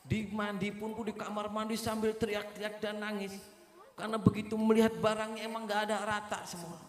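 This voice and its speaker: A man's voice: high voice, a little fast. A man preaching a comic village sermon, telling a story and acting out the dialogue. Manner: animated storyteller acting out dialogue, addressing mothers. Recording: echoey hall with long reverb.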